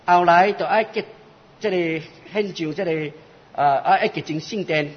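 A man preaching a sermon in short phrases, pausing for interpretation, in a church hall. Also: high-pitched, husky. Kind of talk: sermon in Taiwanese Hokkien. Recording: lo-fi recording with long hall reverb.

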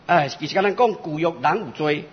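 A man preaching a sermon in short phrases, pausing for interpretation, in a church hall. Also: fairly high pitch, husky. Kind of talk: sermon in Taiwanese Hokkien. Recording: lo-fi recording with long hall reverb.

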